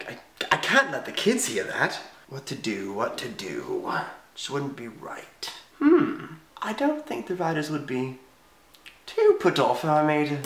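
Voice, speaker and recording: A performer voicing an offscreen narrator who talks wryly to the audience, sighing and halting. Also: mid-range voice, roomy sound. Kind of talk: fourth-wall comic narration.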